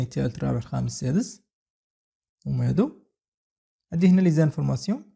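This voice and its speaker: Moroccan male instructor, quick explanatory delivery, husky fairly high voice, technical tutorial read. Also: mellow. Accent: Moroccan Arabic. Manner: rapid explanatory, mixing French and English technical terms. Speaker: networking instructor. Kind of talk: screen-recorded tutorial walkthrough.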